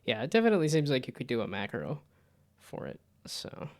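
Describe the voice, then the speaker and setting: With a medium pitch that swoops wildly, a man talks a little fast as he hosts a game livestream. His casual chatter rambles, and he often leaves thoughts unfinished.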